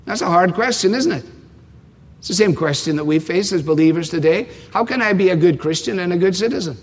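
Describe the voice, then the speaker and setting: A pastor with a high, slightly rough voice preaches an expository sermon at a brisk pace, emphatically repeating key lines and asking rhetorical questions. Long reverb from a large hall fills the recording.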